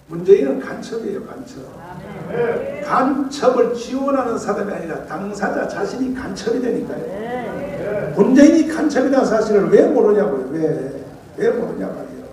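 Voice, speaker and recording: Fiery older Korean preacher in an echoey hall. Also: male voice, high-pitched. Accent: Gyeongsang Korean. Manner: loud, swings from mutters to shouts. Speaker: pastor. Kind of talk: fiery political sermon. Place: large hall at a breakfast gathering. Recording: echoey hall, mic at a distance.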